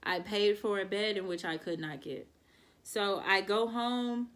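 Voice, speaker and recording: A young woman vlogging to camera, telling an exasperated storytime in a casual, animated way and talking straight to her viewers. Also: mid-range voice, unhurried.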